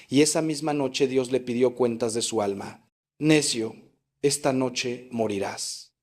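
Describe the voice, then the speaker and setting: A man's voice: mid-range voice, darkish tone. A man preaching a sermon as a priest, emphatic, with sweeping rises and falls in his delivery.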